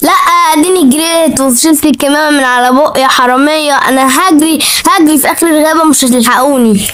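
A plucky cartoon lion cub as a woman puts it on bursts out with excited questions and exclamations. The voice is high-pitched, and the lines tumble out in quick succession. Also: no echo. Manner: excited, rapid-fire exclamations. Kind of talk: children's cartoon storytelling.

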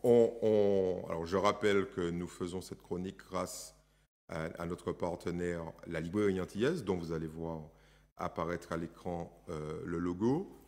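A man's voice: sits low, steady tone, normal speed, darkish tone. A man hosting a talk show, closing one segment and introducing the next with frequent fillers. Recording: long reverb.

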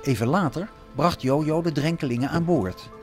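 Man, children's story narrator, slow expressive, highish voice, faint music behind.

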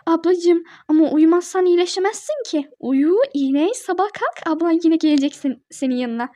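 A woman's voice: extremely high pitch, dark tone. A woman voicing a protective young older sister in a toy-figure drama, pleading and caring by turns. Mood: tender. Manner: pleading then tender, fast-shifting.

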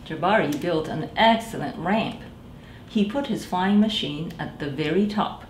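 A thirtysomething librarian hosts a children's storytime, her voice on the low side and her pace measured. Animated throughout, she voices the picture book's characters and speaks directly to the children. The recording comes from a small indoor library room with echo and faint background noise.

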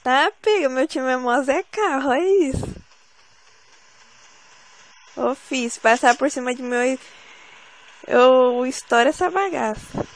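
Female gamer host, high voice, exasperated and teasing with her team. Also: takes it slowly, pauses often, low-quality recording. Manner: bossy, teasing, exasperated banter with teammates. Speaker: gameplay channel host. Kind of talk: casual gaming commentary. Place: at home.

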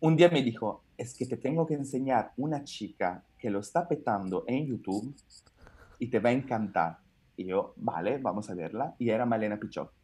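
A man in his thirties from Italy, guesting as a comedian, recounts his story in a rambling way with many fillers and restarts. His medium-pitched voice is darkish with a breathy edge and lively intonation, and he speaks with an Italian accent at normal speed. The casual interview chat takes place over a video call from his home.

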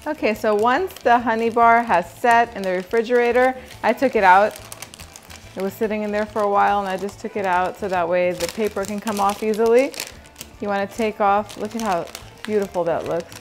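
A woman's voice: mid-range voice, steady tone, fairly quick. Woman doing a cooking vid, chatty and upbeat, talks right to the viewers, faint music under it. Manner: chatty, upbeat, instructional, addresses viewers directly. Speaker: cooking channel host. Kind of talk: casual cooking demonstration.

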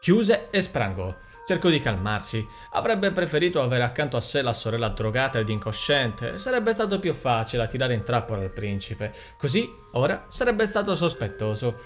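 A man reading a fairy-tale audiobook aloud with expressive storytelling. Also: medium pitch, normal speed, hardly any pauses, faint music behind. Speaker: audiobook narrator. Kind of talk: scripted narration.

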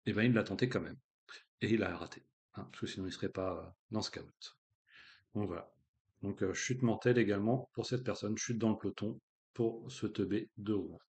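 A man's voice: on the low side, steady tone, a little fast, darkish tone. A man hosting a live online quiz in a casual, joking way, with slang and lots of fillers. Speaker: quiz host.

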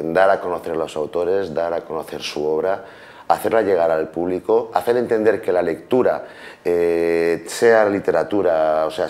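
A hoarse man, a guest on a TV talk show, answering earnestly and listing things in series. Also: extremely low pitch, darkish tone. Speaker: guest, online cultural communicator. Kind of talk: TV interview answers.

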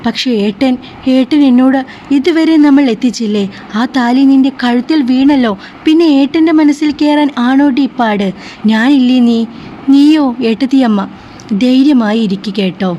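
A woman's voice: high voice, normal speed, dark tone, natural voice. A woman voicing a caring young sister-in-law who reassures the bride affectionately, in a slightly muffled recording. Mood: reassuring. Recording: slightly muffled with faint hiss.

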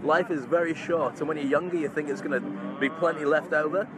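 Out in a big open park at night among crowds, a middle-aged man speaks into a phone held at arm's length for a live vlog. He is a vlogger, entrepreneur and stage hypnotist whose slightly high voice is brisk and fairly even in intonation, and his casual chat with followers is effusive and chummy. Crowd noise fills the outdoor recording.

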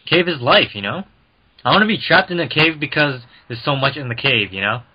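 A man's voice: medium pitch, expressive, a little fast, husky, dull audio. A man chatting casually during a game with friends, joking and swearing loosely. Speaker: gamer. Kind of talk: casual gaming chat.

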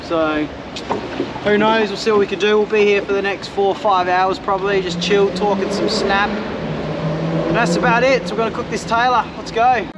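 Laid-back Australian bloke on a windy boat. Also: male voice, high-pitched, moderate pace. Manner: laid-back, slangy, bursts into loud whoops. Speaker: fishing vlogger. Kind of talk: casual outdoor vlog narration. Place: small boat on a windy river.

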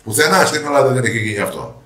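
A man's voice: mid-range voice, lively intonation, a bit bright. Older man telling stories, roomy echo. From Greece. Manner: storytelling, acting out quoted dialogue. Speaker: parliamentary candidate. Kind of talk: interview answers.

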